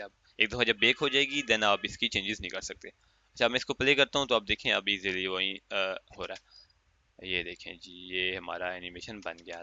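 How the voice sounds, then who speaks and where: A man teaching a software tutorial in a chatty, step-by-step way, with an Urdu-inflected accent and many fillers. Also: fairly low pitch. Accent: Urdu-inflected Hindustani. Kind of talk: casual screen-recorded tutorial. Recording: dry, muffled lo-fi mic.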